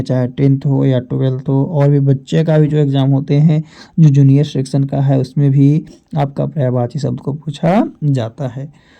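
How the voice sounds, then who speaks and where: A man teaching Hindi grammar for exams, slowly reading out lists of synonyms and asking and answering his own questions. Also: medium pitch, creaky, mellow. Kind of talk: exam-prep lesson, reading word lists.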